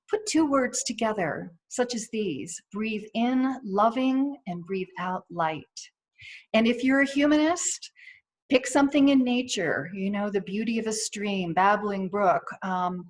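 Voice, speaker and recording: Woman chaplain giving gentle, reassuring guidance. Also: mid-range voice. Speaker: chaplain giving a weekly wellness tip. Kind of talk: informal spoken guidance on breath prayer and spirituality.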